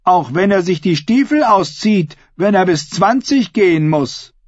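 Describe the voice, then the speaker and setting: A man's voice: high-pitched, lively intonation, measured pace, dry recording, dull audio, voice pushed up. A man voicing a bold, mocking young woman who teases a crowd of sea captains in an audiobook. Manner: teasing, cocky, commanding.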